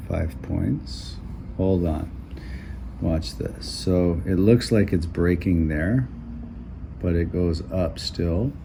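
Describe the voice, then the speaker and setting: Low-voiced chiropractor explaining calmly. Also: male voice, gravelly, background noise. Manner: calm, instructive, names body parts step by step. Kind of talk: explaining to a patient during treatment. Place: small clinic treatment room. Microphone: camera in the room.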